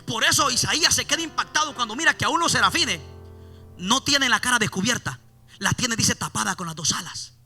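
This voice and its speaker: High piercing guy preaching a fired-up church sermon, soft music behind. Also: lively intonation, fairly quick. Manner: impassioned, repeats "mi amado hermano"; swells loud in refrains, drops low for quotes. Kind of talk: evangelical sermon.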